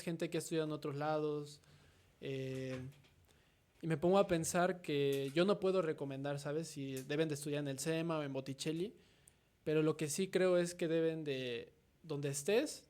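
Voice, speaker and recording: A man in his twenties with a Mexican accent, speaking as the guest artist in a casual interview. He thinks out loud and ends many thoughts with a questioning "no?". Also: fairly high pitch. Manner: reflective, tags nearly every thought with a questioning "no?".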